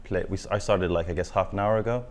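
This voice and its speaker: A shy man, a poker player, telling the host about his game and a hand in a measured way. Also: deep voice, steady tone, darkish tone. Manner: shy, measured, explains at length. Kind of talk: casual interview.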